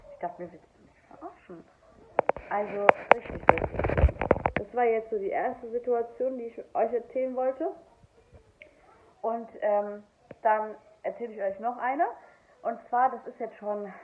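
A woman in her twenties, a young mother, telling a storytime vlog in a heated, indignant way. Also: medium pitch. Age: 20s. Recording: tinny phone-like sound, faint noise.

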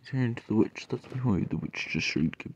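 A young man reading fan-made stories aloud, stumbling and halting with asides, over faint background noise. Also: lowish voice, expressive, lo-fi sound.

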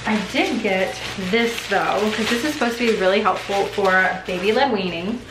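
A young woman vlogging as a mom, chatting enthusiastically about her haul, full of "like" and excitement. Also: mid-range voice, moderate pace. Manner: bubbly, enthusiastic, chatty with many likes. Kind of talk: casual haul chat to camera. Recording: echoey room with faint background hum.

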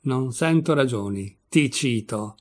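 A man's voice: mid-range voice, takes it slowly. A man doing an old pompous lawyer. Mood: stern insistent. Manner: calm lecturing tone, calls others "my son". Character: old male lawyer, placid, pompous and stingy.

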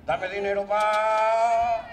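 A man's voice: high-pitched, little pitch movement, very slow. A man doing a whiny grown son begging. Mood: whining. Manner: pleading, repeating papá. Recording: distant outdoor stage mic with crowd noise.

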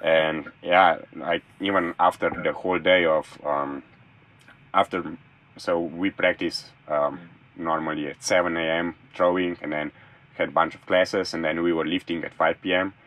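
A man's voice: sits low, fairly even intonation, normal speed, a bit bright. A young man from Slovenia, a non-native speaker, talking enthusiastically as a guest in a casual interview from his van, often restarting his sentences. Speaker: guest, former college thrower. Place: small room in a camper van.

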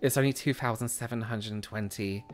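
This South London streamer in his thirties chats casually with viewers while gaming at home in a small room, reading chat aloud through a headset boom mic. He's from England, talks briskly, and stays chatty and animated, jumping into a high squeal whenever he gets excited.

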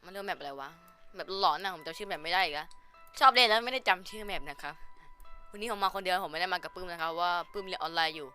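A man's voice: high voice, rapid-fire, pushed and bright, faint music behind. A young man hosting a gameplay video, easily startled, swearing and yelping as he plays. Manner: jumpy, yelps and swears when scared. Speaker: gaming channel host. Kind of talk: gameplay commentary.

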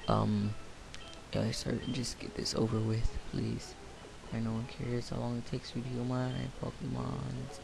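Tired young man, gravelly flat voice. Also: mid-range voice, normal speed, background noise. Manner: rambling, offhand, many fillers. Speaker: gameplay commentator. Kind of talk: casual let's-play commentary. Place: home room, late night.

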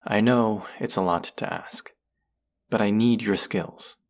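A man voices a young vampire in an intimate audio drama, his deep, gravelly register full of vocal fry. The character is earnest, wry and protective, and in this moment he pleads earnestly at a measured pace.

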